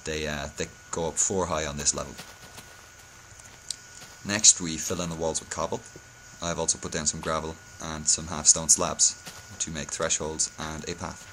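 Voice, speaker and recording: A man's voice: a bass voice, flat delivery, moderate pace, pushed and bright, slight background noise, poor audio. A hungover man giving a casual game-building tutorial, speaking hesitantly and often correcting himself. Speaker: video tutorial host.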